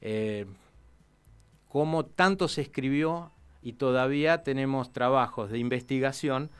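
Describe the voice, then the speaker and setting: Appearing as a guest on a studio radio show, this historian talks about history at a measured pace in a smooth, clear voice of middle pitch. His storytelling is lively, though he frequently starts his sentences over.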